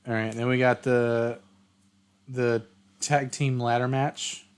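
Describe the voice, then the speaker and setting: Guy cohosting a chill podcast, average pitch, runs the picks. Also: little pitch movement, clear, resonant tone. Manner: leads the picks, quick asides. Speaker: podcast co-host. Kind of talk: casual chat.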